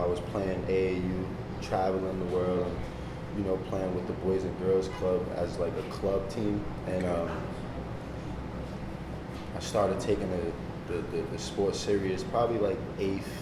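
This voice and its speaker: A young man from New Jersey, a basketball player, answering interview questions in a relaxed way with many "you know" fillers. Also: a little slow. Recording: echoey, distant from mic, noisy rumble.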